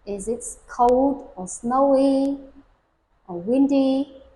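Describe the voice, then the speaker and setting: Very slow and warm, a woman's high-pitched voice guides a young learner through an English speaking test. She asks simple questions with patience and models complete sentences for the child to repeat, and the room is echoey.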